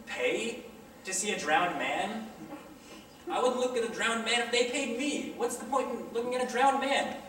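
A stage performer playing a prim, easily offended gentleman who sounds indignant, fussy and flustered. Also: medium pitch, moderate pace, slight background noise, close to an everyday voice. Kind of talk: high school stage play. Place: school auditorium stage. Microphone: far camera. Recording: echoey hall from far off.

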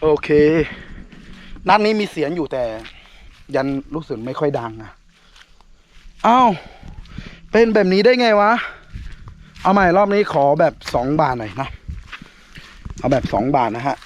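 Young male vlogger, chatty and excitable, a bit high-pitched, outdoors with faint noise. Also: takes it slowly, pauses often. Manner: excited exclamations, addresses viewers as brothers and sisters. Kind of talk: casual experiment vlog.

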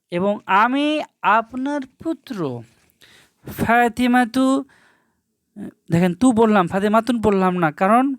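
Language teacher going through examples slowly, asks a question then answers it, smooth crisp voice. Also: medium pitch, fairly bright tone, no room sound, studio quality. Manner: reads example phrases slowly and carefully, then explains them; asks the class questions and answers them itself. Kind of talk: recorded online grammar lesson.

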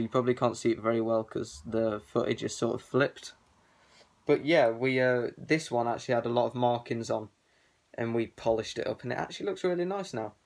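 A young man talks through a balaclava, his voice gravelly with creak. He rambles casually and hesitantly as he shows things off in a vlog, filling pauses as he goes. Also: medium pitch. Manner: rambling, hesitant, lots of fillers. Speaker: collector showing his collection. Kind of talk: casual show-and-tell vlog.

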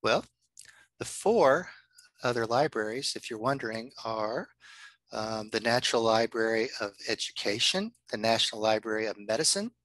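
Bright-voiced man presenting online. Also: lowish voice, no room sound, rough recording. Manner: friendly, chatty, many ums and uhs. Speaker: librarian presenting a workshop. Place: home office. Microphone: video call.

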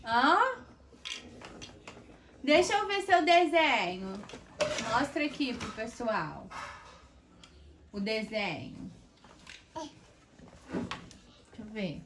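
A woman's voice: fairly high pitch, big pitch swings, very slow, long pauses, background noise. A woman with a Brazilian accent hosting a casual home vlog from a toy corner indoors, playfully coaxing a toddler and talking to her viewers. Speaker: family vlogger host.

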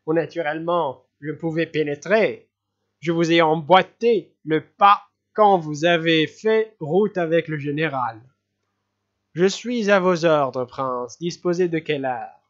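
A reader playing an eager, self-important officer who fawns and presses his offer earnestly, in a slow, measured delivery. The audiobook recording is dull and lo-fi. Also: mid-range voice, close to an everyday voice. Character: eager, fawning male officer volunteering as second.

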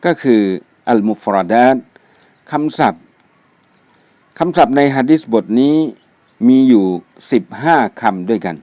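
A man teaches a vocabulary lesson at a very slow, measured pace, saying each Arabic term twice before he explains it. His voice is close and dry, with no room sound around it. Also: medium pitch, animated, warm tone, no room sound. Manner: repeats each Arabic word twice, then gives its meaning. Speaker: Islamic studies teacher. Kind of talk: slow vocabulary lesson, reading words and meanings. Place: mosque.

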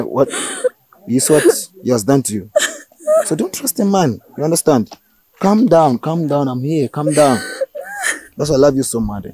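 A woman's voice: very deep voice, mellow, slightly rough, no echo, exaggerated voice. A woman acting in an amateur film as a friend who soothes and lectures a crying young woman, repeating herself over and over. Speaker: friend comforting a heartbroken woman.

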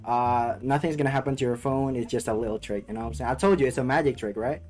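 A man's voice: mid-range voice, fast, a little mellow, soft background music. Chill young guy on a video call, keeps saying you know what i'm saying. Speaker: online video prankster. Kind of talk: casual chat on a video call.

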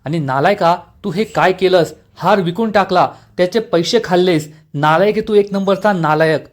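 A man's voice: sits high, normal speed, lightly acted. A man reading as a scolding family aunt, harsh and insulting.

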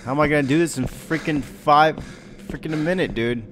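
A man's voice: a little high, a little fast, fairly bright tone, a little hiss or hum. Scared horror game streamer, young man. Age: young adult. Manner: scared horror game streamer, jumpy, panicky repeated exclamations, swearing. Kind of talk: live horror game commentary, casual chat. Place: home bedroom, indoors. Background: game music.

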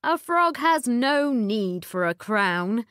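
A woman voicing a small talking frog from a storybook, calm and persistent, in a slow, lively read in a dry room. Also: a little high, smooth, no echo, heavily acted. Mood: polite. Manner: calm, reasonable, insistent.

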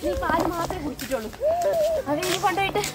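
A woman's voice: extremely high pitch, lively intonation, fast talker. A young mother chatting in a casual vlog, coaxing her little child and narrating a walk through a cardamom plantation. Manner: coaxing baby talk mixed with chatty narration. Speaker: mother vlogger. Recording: noisy outdoor ambience.

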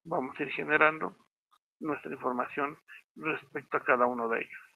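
A man's voice: on the high side, steady tone, brisk, gravelly. A man teaching a step-by-step screencast programming lesson with a Mexican Spanish accent, checking in often with his students. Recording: tinny phone-like audio, dry.

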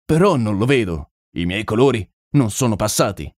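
A man's voice: fairly low pitch, very animated, moderate pace, darkish tone, no echo, studio quality. A man doing a stern, proud old colonel. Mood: agitated. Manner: cold and clipped, then agitated. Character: stern proud older male colonel, racehorse owner.

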